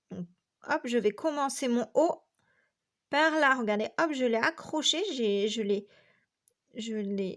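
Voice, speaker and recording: A woman's voice: fairly high pitch, a bit bright. A woman teacher from France giving a patient, step-by-step handwriting lesson to young children, counting each stroke aloud. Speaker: primary school teacher.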